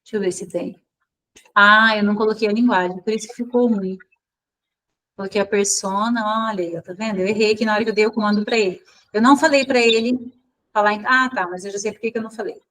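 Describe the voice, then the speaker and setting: A woman's voice: mid-range voice, fairly even intonation, quick pace, a bit bright, poor audio. A woman teaching a live online class over a video call, talking informally and correcting herself as she thinks aloud.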